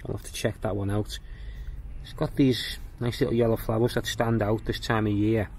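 A man giving a casual tour of his walled garden outdoors, talking in a plain-spoken, unhurried way as he walks and explains. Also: lowish voice, level tone, darkish tone, a little hiss or hum. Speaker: gardening vlogger.

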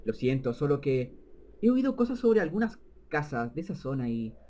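A man's voice: fairly high pitch, sing-song, normal speed, dark tone. A man reading the lines of a chatty, nosy male taxi driver in a video game. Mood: curious.

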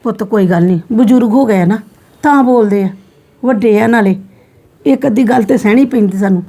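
Gentle middle-aged grandma played by a woman, placating and affectionate, high voice. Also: a little fast. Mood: soothing. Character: soft-hearted middle-aged grandmother, mother-in-law. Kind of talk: scripted family drama.

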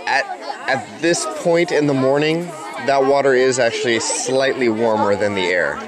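A man's voice: mid-range voice, normal speed, crowd noise. A man chatting casually behind a camcorder outdoors, teasing and encouraging as he goes. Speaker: camp staffer behind the camera. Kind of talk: casual chat. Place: outdoors in a grassy field. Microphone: handheld camcorder, speaking from behind it.

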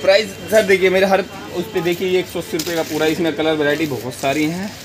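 A man, a shopkeeper briskly and matter-of-factly showing goods and quoting prices in a sales pitch. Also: steady tone, a crowd in the background. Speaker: wholesale bangle shopkeeper. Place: small indoor shop lined with shelves. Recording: clear ambient noise of a shop.

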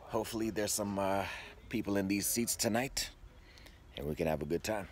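In a casual vlog from a cruise ship cabin and theater, a comedian in his thirties talks jokingly to his arm's-length phone camera. He has a lowish voice and a moderate pace, and comes across as relaxed, chatty and self-mocking.

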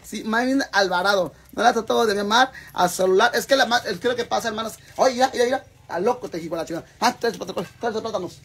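A high-pitched, slightly rough and a bit bright voice races along with few pauses as this man chats on his cooking live stream. With a Mexican Spanish accent, he's rowdy and casual, swears freely, and calls his audience "hermanas."

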